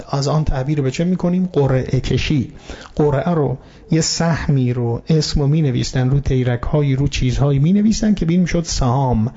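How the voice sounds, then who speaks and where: Male preacher, slightly high, mellow tone, patient explanatory sermon delivery, muffled recording. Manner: explanatory, addresses audience politely, quotes Arabic verses. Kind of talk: sermon on Quranic story.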